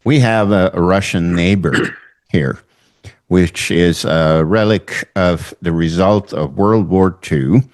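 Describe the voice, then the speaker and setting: A Swedish-accented man with a very low voice hosts the interview. He talks slowly and haltingly, pausing often with fillers as he sets out his questions. He is middle-aged. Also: a little mellow. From northern Sweden. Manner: slow, halting, with many fillers. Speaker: host. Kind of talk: online interview.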